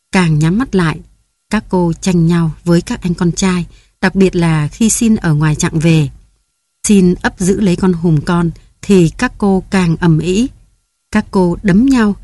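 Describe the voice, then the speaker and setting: A woman narrating a story as an audiobook in a steady, even reading style. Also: fairly low pitch, no room sound.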